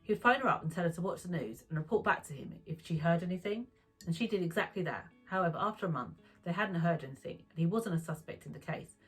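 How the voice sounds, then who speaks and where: A woman narrating a true crime story in a calm, even storytelling manner. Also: fairly low pitch, fast, husky, faint music behind, poor audio.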